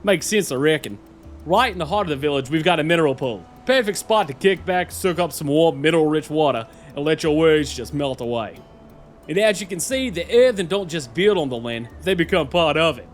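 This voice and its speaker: A man's voice: a little high, expressive, brisk, close to an everyday voice. A man performing as a chummy, adventurous Australian nature documentary presenter, colloquial and enthusiastic. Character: cheerful, adventurous Australian male wildlife presenter. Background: music.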